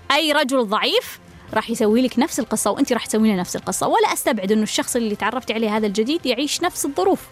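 Lady giving straight-talk relationship advice, high voice, keeps hammering the same questions. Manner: blunt, repeats pointed rhetorical questions. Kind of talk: direct advice monologue.

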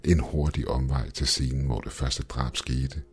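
A man reading a first-person horror story in an even, measured storytelling voice. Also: extremely low pitch, husky, soft background music. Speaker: narrator. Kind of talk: scripted horror narration.

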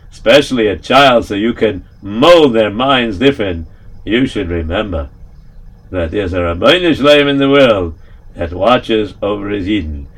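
A man storyteller voicing a shrewd old rabbi who speaks gently and deliberately, mixing in Yiddish words. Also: on the low side, voice pushed down, low-quality recording. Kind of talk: storytelling with put-on voices.

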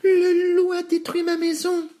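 A man voicing frightened little male pigs in a very high, stammering squeal. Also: completely flat delivery, measured pace, mellow. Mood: panicked.

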